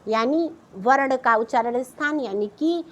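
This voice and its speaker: A woman's voice: high-pitched, measured pace, fairly bright tone. A middle-aged woman teaching a class, patiently explaining a chart and repeating each sound, often checking in with her students.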